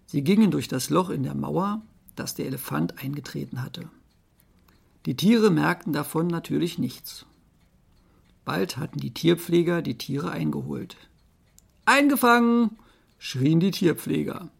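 Children's story reader: slow, even, gravelly and husky. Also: medium pitch. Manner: slow, even reading aloud. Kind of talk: reading a children's story aloud.

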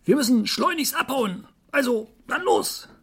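Storybook tiger, reader voicing: sure of himself, raised, slow, husky. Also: sits high, expressive, pitched above the performer's own voice, exaggerated voice. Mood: bossy. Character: confident zoo tiger who knows the way.

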